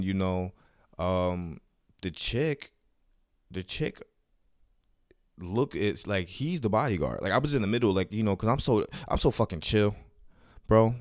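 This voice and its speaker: A man's voice: sits low, smooth, no echo, studio quality. A man hosting a podcast, telling a long story in a loose, profane, casual way and acting out the voices of the people in it. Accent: New York. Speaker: podcast host and comedian. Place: studio.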